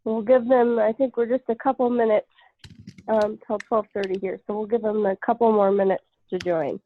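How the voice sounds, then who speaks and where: A woman with a cold and a nasal voice, leading a conference call from home on her iPad, talking in a halting way with many pauses. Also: medium pitch, fairly even intonation. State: congested with a cold. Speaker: call facilitator. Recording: dry, tinny phone-like call line.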